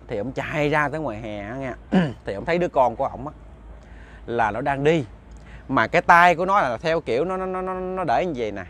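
A man's voice: mid-range voice, a bit bright. A man with a Southern Vietnamese accent telling a ghost story in a chatty, casual way, speaking directly to his listeners.

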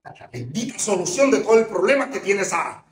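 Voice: medium pitch, very animated, brisk, roomy sound, a little hiss or hum. A performer playing a stern father in a home drama skit, demanding answers and giving orders.

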